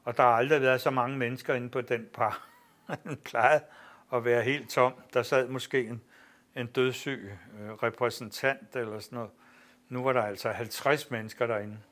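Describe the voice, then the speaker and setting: An older man, an actor and theatre director, telling lively anecdotes in an interview and swearing casually. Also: mid-range voice. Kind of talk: anecdotal storytelling.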